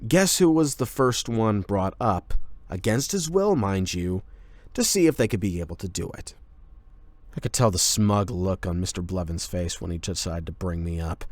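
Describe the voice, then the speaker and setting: In an anime boyfriend roleplay, a man plays a cocky, rebellious high school delinquent, speaking casually with sardonic slang. His voice is a little mellow, and the recording is dry.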